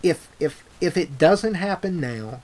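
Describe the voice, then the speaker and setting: A man hosting a podcast in casual chat, rambling with halting restarts and calling people "dude". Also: fairly high pitch, lively intonation, a little mellow. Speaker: podcast host.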